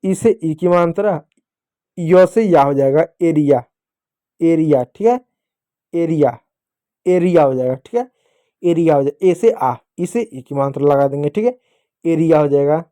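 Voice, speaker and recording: Man teaching kids english spelling, warm, repeats each word. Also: fairly high pitch, lively intonation, measured pace, pauses often. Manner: spells words letter by letter, repeats answers; addresses the class as children.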